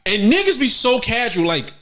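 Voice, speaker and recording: A young man co-hosting a podcast, chatting casually with animated, profane storytelling. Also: moderate pace. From United States. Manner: animated, profane, bursts into high exclamations. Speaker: podcast co-host. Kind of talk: casual chat.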